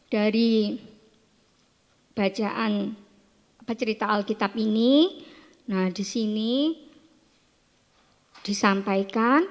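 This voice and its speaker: A woman teaching Sunday school, telling a Bible story to children in an animated way and asking them questions. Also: mid-range voice, in a large hall.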